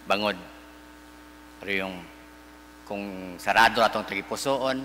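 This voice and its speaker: A male priest giving a liturgical reading and homily in deliberate, halting phrases, in a church with cathedral echo. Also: on the low side, sharp tone. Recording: reverberant church, mains hum.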